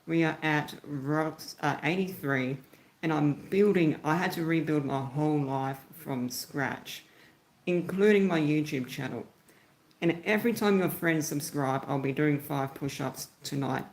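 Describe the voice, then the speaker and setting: A man's voice: a little high, a little slow. An Australian man chatting casually on a phone livestream, thanking viewers by name as he goes. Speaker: YouTuber live-streaming.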